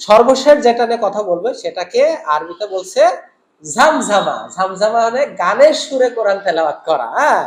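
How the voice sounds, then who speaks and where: A man's voice: high-pitched, lively intonation, brisk, roomy sound. A man teaching Quran recitation in an online lesson, explaining each rule and chanting short examples.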